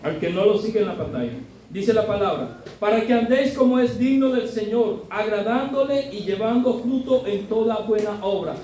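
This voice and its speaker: Speaking at a normal pace, this high-voiced, mellow middle-aged preacher keeps his sermon conversational and keeps asking the congregation to agree. The recording comes from far back in a heavily echoing church hall, with faint noise around him as he rises to loud, forceful urging.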